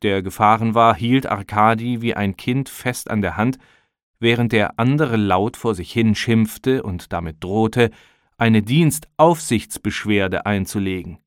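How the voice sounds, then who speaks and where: A man calmly narrating an audiobook in a measured storytelling manner, close to the mic. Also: on the low side, no room sound. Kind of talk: scripted narration.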